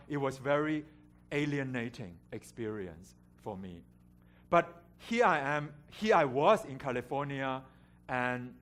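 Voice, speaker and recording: A man's voice: mid-range voice, a bit bright. Candid Hong Kong-raised man preaching. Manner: candid, self-deprecating, with light humor. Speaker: guest preacher. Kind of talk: personal storytelling sermon. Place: church sanctuary.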